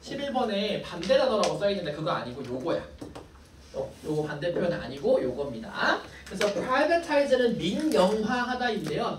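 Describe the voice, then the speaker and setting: A woman English teacher takes her students through a vocabulary lesson, moving quickly from word to word and teasing the class now and then. Her pitch jumps around a lot as she talks. She sounds distant, and the classroom echo hangs around her voice, with a faint room hum behind it. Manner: brisk, playful asides to students. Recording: echoey classroom from far off.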